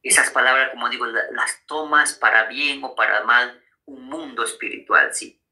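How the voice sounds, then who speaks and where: A man's voice: mid-range voice, fairly even intonation, moderate pace, sharp tone, low-quality recording. A man preaching a sermon on marriage, often checking in with his listeners and calling them brothers. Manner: frequent tag questions to listeners.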